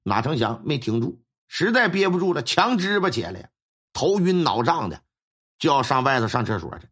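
Guy telling a ghost story, husky, pitch jumps all over, casual and lively. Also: moderate pace. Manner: animated, colloquial, with sound-effect words. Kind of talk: spoken ghost story narration.

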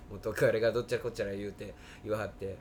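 A man with a Kansai accent co-hosting a casual podcast, relaxed, with frequent short nods and storytelling asides. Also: fairly low pitch, fast. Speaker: podcast co-host.

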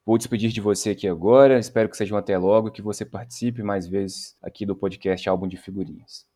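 A man's voice: lowish voice, steady tone, fast talker, warm tone. A Brazilian man hosting a podcast in a conversational way. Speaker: podcast host.

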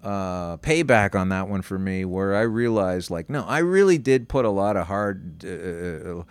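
A man telling a long story as a guest, rambling with halting restarts and swearing. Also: sits low, animated, clean tone, no echo. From Canada. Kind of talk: casual storytelling.

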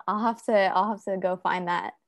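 A woman's voice: medium pitch, steady tone, a little fast, gravelly. A woman appearing as a podcast guest, answering questions in an easygoing, giggly way. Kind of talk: casual interview chat.

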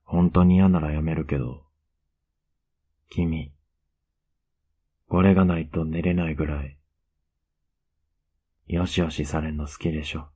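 A man playing a tender, teasing, clingy younger boyfriend in an ASMR role-play, murmuring softly and intimately. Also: extremely low pitch, fairly even intonation, unhurried, pauses often, husky, heavily acted. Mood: coaxing, doting. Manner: soft, intimate, coaxing murmur.

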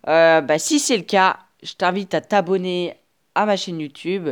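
A woman hosting a casual solo podcast, talking straight to the listener in a chatty, encouraging way with many restarts and fillers, recorded on an earphone mic. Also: on the low side. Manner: halting, with frequent restarts and filler sounds. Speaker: podcast host. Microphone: earphone headset mic.

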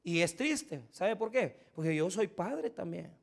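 Male pastor, middle-aged, high voice, fiery sermon, soft then shouting. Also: animated, a little slow, vocal fry. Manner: impassioned preaching, swings from soft to shouted.

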